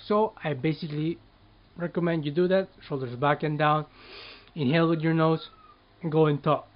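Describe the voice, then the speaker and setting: A man's voice: fairly high pitch, fairly even intonation, normal speed, dull audio. A man giving casual speaking tips to the camera and demonstrating speech drills aloud. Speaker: speaking coach.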